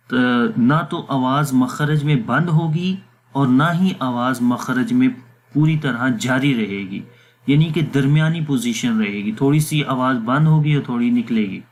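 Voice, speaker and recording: Teaching Quran letter pronunciation, a medium-pitched man talks through a voice-over lesson patiently and methodically, drawing out each demonstration syllable slowly. He weaves English words into his explanations and hesitates with fillers. Explanation alternates with recitation drills.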